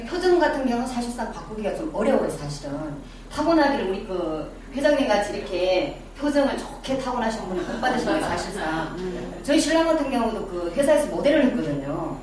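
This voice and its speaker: A middle-aged woman with a Daegu Gyeongsang accent gives a casual lecture on personal image to a small audience, quizzing them and tossing in self-deprecating asides. Her mid-range voice is sing-song and fast, with few pauses. The distant mic catches a very echoey room, background noise and a crowd.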